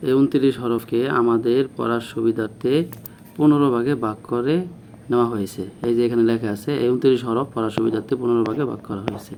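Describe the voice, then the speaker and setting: A man teaching a beginner Arabic lesson, patiently repeating phrases and sounding out each letter slowly. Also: mid-range voice, steady tone, a little mellow, a little hiss or hum. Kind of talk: classroom lesson.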